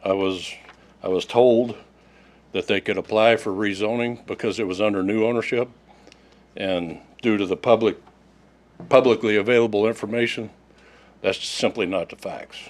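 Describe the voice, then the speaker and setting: A man's voice: lowish voice, steady tone, moderate pace, long pauses, a little mellow. A man with an Oklahoma accent reading a prepared public comment to a council as a resident. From Oklahoma, United States. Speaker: resident speaking at a public hearing.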